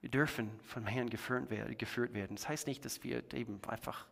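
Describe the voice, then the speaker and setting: Man, pastor, preaching a sermon, dramatic delivery, medium-pitched voice. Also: fairly even intonation, normal speed, creaky. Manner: dramatic, swings between booming and hushed.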